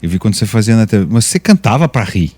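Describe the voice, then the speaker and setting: A man's voice: fairly low pitch, very animated, very fast, mellow, slightly rough, no room sound. A man interviewing a guest, curious and prompting him to tell more. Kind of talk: casual interview.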